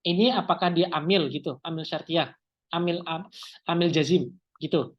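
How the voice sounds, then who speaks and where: A man's voice: on the high side, moderate pace, dull audio. A man teaching an Arabic grammar lesson in an online class, his voice breaking up over a choppy call. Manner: patient, explaining with casual fillers. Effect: choppy, breaking-up online call audio. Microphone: video call.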